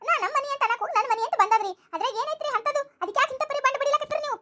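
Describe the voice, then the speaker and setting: A woman playing a sharp-tongued young daughter-in-law in a comedy skit, with a North Karnataka accent and a defiant, talk-back manner. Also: very high voice, racing, heavy background noise, pitched above the performer's own voice. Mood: defensive. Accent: North Karnataka Kannada. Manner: defiant, talks back plainly.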